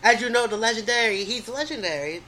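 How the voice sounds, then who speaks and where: A woman co-hosting a podcast in casual chat, speaking haltingly with many ums. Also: a little high, lively intonation, a crowd in the background. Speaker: podcast co-host.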